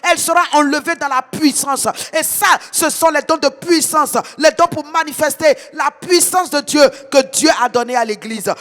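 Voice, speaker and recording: A man with an Ivorian French accent leads fervent morning prayer in a sing-song, chanting rhythm, repeating phrases intensely and breaking into tongues. His voice is extremely high and moderately paced with hardly any pauses, set in a reverberant hall with soft music behind.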